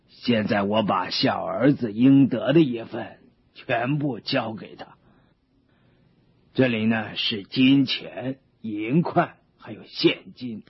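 Man doing a gentle old dad, slow and husky, dull old radio play sound. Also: mid-range voice. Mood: solemn. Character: patient, wise old father. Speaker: father. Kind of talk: radio drama.

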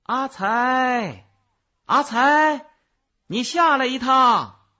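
Bragging magic shadow kid, husky and bright, high lively calls, done by a man reading; dull lo-fi recording. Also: slow, full character voice. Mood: shouting. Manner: bragging, loud calling. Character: boastful magical shadow boy, mischievous. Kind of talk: children's story reading.

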